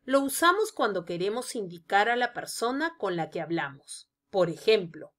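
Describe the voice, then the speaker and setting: A woman narrating a scripted grammar lesson, explaining each example slowly and deliberately. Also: mid-range voice, big pitch swings, fairly bright tone. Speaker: teacher.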